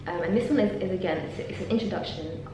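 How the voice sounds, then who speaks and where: Fairly low-pitched and a fast talker, this young woman from London is chatty and animated, laughing and umming throughout. She vlogs casually to camera as a PhD student from a university office lab indoors. The footage moves from a desk camera to handheld selfie, and the room is very echoey with a faint hum.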